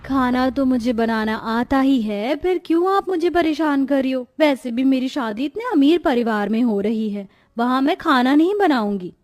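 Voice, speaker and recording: A woman's voice: high-pitched, lively intonation, normal speed, hardly any pauses, a little mellow. A woman voicing a stubborn, spoiled young bride in a cartoon story who talks in a petulant way. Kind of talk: Hindi cartoon voice acting.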